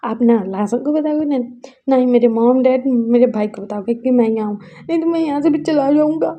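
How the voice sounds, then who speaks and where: A woman voicing a heartbroken young man who cries and whines to his in-laws, high and tearful. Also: steady tone, normal speed, creaky, dull audio. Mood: tearful, whining.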